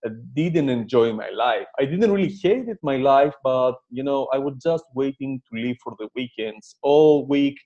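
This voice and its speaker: A man's voice: mid-range voice, lively intonation, normal speed, hardly any pauses, mellow, lo-fi sound. A man in his thirties from Greece, a guest on a podcast, telling his story with plenty of fillers and restarts and Greek as his first language. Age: 30s. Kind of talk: casual interview.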